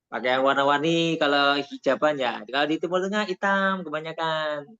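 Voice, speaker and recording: A man's voice: a little high, normal speed, bright, forceful tone, smooth, muffled recording. A man teaching Arabic in casual talk, telling anecdotes and mixing in Arabic phrases. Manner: chatty, tells personal anecdotes, mixes in Arabic phrases.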